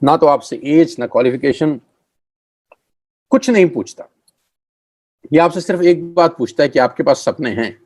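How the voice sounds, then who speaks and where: A middle-aged man gives a motivational sales pitch as a network marketing trainer. He stresses and repeats key phrases. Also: lively intonation, moderate pace, long pauses, darkish tone, dry recording, studio quality.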